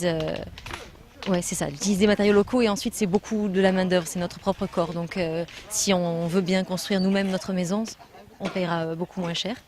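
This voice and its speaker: Her voice is on the low side. She's a trainer from France working with a building foundation, and she responds to interview questions in an earnest, explanatory manner, often hesitating.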